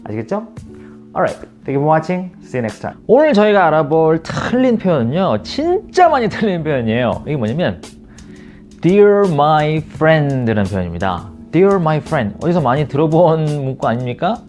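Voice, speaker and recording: A man teaching English grammar to Korean viewers, reading example sentences slowly and checking in with rhetorical questions. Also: a little high, very animated, a little mellow, soft background music. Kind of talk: video English lesson.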